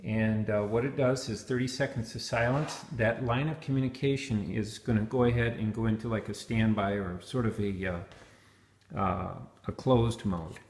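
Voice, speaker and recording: A product reviewer gives an unscripted, hands-on demonstration of helmet intercoms, explaining things step by step. His voice is on the low side, steady and a little mellow, at a moderate pace. The roomy, echoing recording carries a little hiss or hum.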